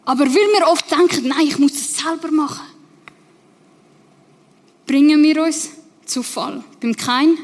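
Woman preacher, Swiss German accent, high voice, conversational sermon, long hall reverb. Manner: lively, conversational, sometimes slowing for emphasis.

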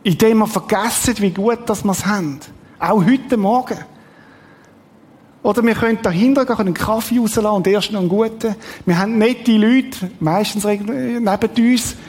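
A man's voice: high voice, darkish tone. A middle-aged man, giving a conversational sermon as a pastor and asking the congregation questions. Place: church hall. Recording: long hall reverb.

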